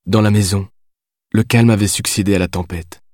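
A man reading a novel aloud as audiobook narrator, in a measured storytelling manner. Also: lowish voice, fairly even intonation, a little mellow, no room sound, studio quality. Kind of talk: scripted narration.

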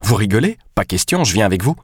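A man's voice: fairly low pitch, big pitch swings, fast, husky, dry recording, clean studio sound, pitched above the performer's own voice. A male narrator voicing a determined young woman police captain.

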